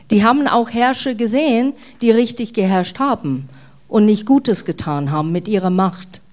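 A woman's voice: a little high, a little mellow. A middle-aged female pastor giving an earnest, explanatory sermon.

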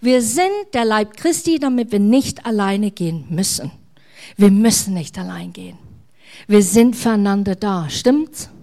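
A middle-aged woman pastor, preaching a sermon in a warm, conversational way. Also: mid-range voice, expressive, a little slow.

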